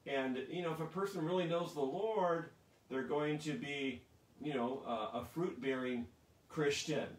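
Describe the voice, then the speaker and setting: A man's voice: on the high side, a little slow. A male pastor giving a casual, rambling livestream sermon and prayer, with many fillers. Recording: echoey room, distant from mic.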